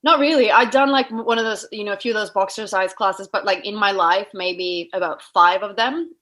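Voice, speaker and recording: A woman's voice: mid-range voice, normal speed, a bit bright. A woman in her thirties from Sweden, talking in a casual interview with many ums and restarts. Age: 30s. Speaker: guest, boxer.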